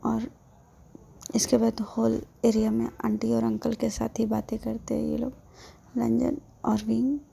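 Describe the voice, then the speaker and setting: A woman casually retelling a drama story, relaxed, with fillers and English words mixed in. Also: a little high, measured pace, gravelly, slight background noise.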